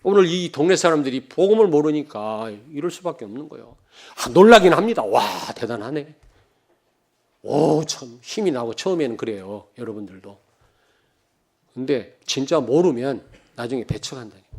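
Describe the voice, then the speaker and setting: A man in his fifties from Cheonan, preaching a sermon as pastor, joking and telling stories, swinging from loud emphasis to quiet asides and calling out to the congregation. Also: mid-range voice, lively intonation, a little fast. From Cheonan, South Korea. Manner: joking, anecdotal, calls out to the congregation.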